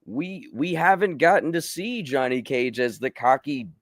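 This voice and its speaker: A man's voice: medium pitch, lively intonation, moderate pace, no room sound, clean studio sound. A man co-hosting a casual live show, ranting animatedly and swearing freely. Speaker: podcast co-host. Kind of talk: casual chat.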